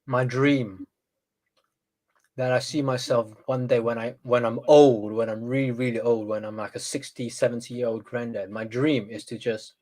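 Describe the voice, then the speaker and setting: A man's voice: medium pitch, steady tone, moderate pace, a little mellow. A young man chatting as a guest on a talk show, easygoing and jokey. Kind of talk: casual chat.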